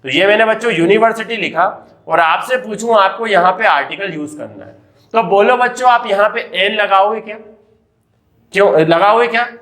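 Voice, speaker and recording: High, bright-voiced Indian man teaching. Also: moderate pace. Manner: repeatedly asks and answers his own questions, addressing children. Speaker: English teacher. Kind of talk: classroom lecture.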